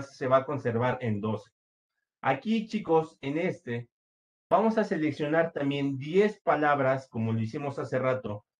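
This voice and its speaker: Male teacher, unhurried and methodical, mid-pitched voice, talks through a screen-share lesson. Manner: slow, patient, step-by-step with many fillers.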